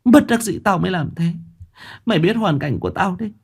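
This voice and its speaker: A man's voice: medium pitch, animated, normal speed, a little mellow, pitched above the performer's own voice, lightly acted. A man voicing a guilty young village woman who stammers and pleads. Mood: pleading, tearful.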